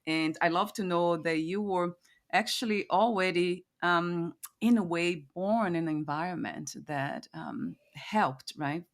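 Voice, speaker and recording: A woman hosts a podcast, interviewing a guest in a reflective, conversational way. Her voice sits on the low side and moves a little slowly as she muses aloud, often searching for the right words.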